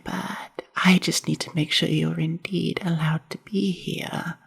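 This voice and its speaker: In a whispery, husky ASMR roleplay, a woman plays a reclusive, awkward spider-woman librarian who sounds flustered. Her fairly low-pitched delivery is hesitant and dryly deadpan, yet heavily acted.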